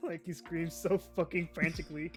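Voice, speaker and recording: A podcast co-host in casual chat, laid-back and quick to laugh, quoting cartoons. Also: mid-range voice, flat delivery, shouting, faint music behind.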